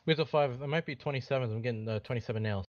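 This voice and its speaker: A man giving short pilot radio calls, his voice muffled as though spoken through an oxygen mask. The sound is dull and lo-fi, yet his tone stays smooth and dry, of mid pitch, broken by small hesitant fillers. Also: racing, dry recording. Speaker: flight sim pilot.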